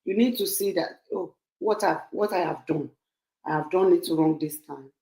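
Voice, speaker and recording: A woman's voice: fairly low pitch, moderate pace, dark tone. Woman host on a video call, earnest, restates points, roomy echo. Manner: earnest, repeats and rephrases points. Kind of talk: hosting an online panel, then giving a motivational talk.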